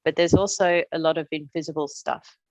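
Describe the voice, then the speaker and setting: A middle-aged Australian woman who works as a translator gives a prepared presentation, explaining things in a measured way with touches of humor. Her voice is deep and her intonation fairly even, captured in a dry recording.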